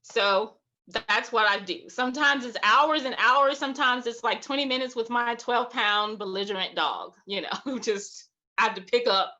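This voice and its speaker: A woman's voice: fairly high pitch, normal speed, pushed and bright, highs cut off. A woman leading an online writing workshop, encouraging, repeating phrases and laughing often. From Alabama, US South. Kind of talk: guided online workshop teaching. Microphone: video call.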